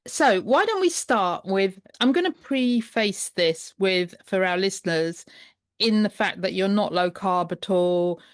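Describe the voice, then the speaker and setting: A woman's voice: medium pitch, expressive, measured pace, no room sound, clean studio sound. A woman hosting a podcast interview, introducing and questioning her guest and often rephrasing as she goes. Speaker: podcast host.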